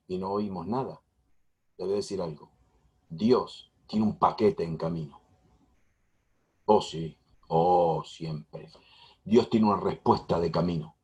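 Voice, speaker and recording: A man's voice: lowish voice, darkish tone, husky. A middle-aged man preaching a sermon as pastor, emphatic and repetitive, with frequent restarts.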